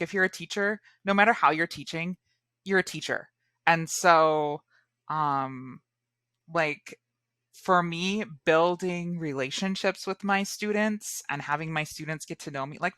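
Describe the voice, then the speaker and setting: A woman, a high school English teacher, chatting as a guest in an interview, filling her talk with "um" and "like". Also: pushed and bright, dry recording, studio quality. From United States. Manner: chatty, lots of fillers like "um" and "like". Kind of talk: casual interview chat.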